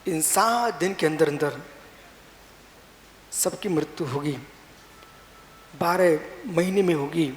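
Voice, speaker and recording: A man's voice: takes it slowly, pauses often. A middle-aged man preaches as a Jain monk, urging his listeners and repeating each point. His voice rings through a large hall with a long reverb and a faint hiss. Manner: repetitive, exhorting, rising to emphatic high-pitched stress. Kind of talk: sermon.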